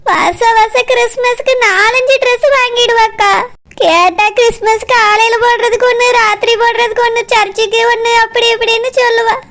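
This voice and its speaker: A woman voicing an emotional mother and daughter-in-law in a cartoon, grieving over her daughter and quick to flare up, in a Kanyakumari Tamil accent. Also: extremely high pitch, fairly even intonation, a little hiss or hum. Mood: tearful. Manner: emotional, sharp when angry.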